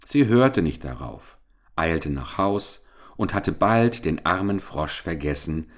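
A man reading a classic fairy tale aloud for children in a measured, expressive way. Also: sits low. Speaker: storyteller.

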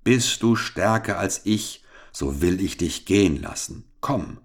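A man's voice: deep voice, lively intonation, takes it slowly, exaggerated voice. A man doing a menacing old bearded giant. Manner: threatening, gruff. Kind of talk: storybook reading.

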